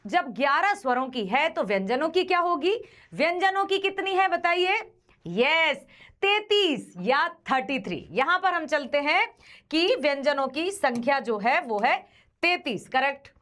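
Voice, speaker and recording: A woman teacher giving an exam-prep grammar lesson, quizzing students and slowly repeating sounds to demonstrate them. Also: high voice, fairly bright tone.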